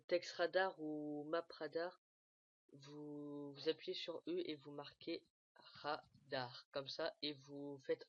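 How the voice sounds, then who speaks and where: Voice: medium pitch, no echo. A speaker walking viewers through a game tool in a casual screen-recorded tutorial, hesitating often, with many fillers and restarts. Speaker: gaming tutorial maker. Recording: dull lo-fi dry mic.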